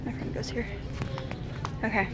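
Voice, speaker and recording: A young woman from eastern Pennsylvania vlogging casually on a handheld phone while she walks through shops and sits in a car, bubbly, excitable and giggly. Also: moderate pace, noisy background. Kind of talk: casual vlog. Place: walking outdoors, in shops and a car. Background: music.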